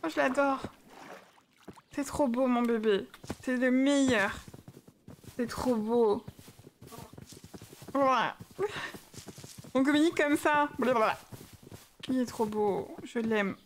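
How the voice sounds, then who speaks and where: A young woman chatting excitedly while playing a game on a livestream and talking to her in-game pets and her chat. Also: high-pitched, slow, pauses often, a little hiss or hum. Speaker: streamer. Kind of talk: casual Minecraft livestream commentary.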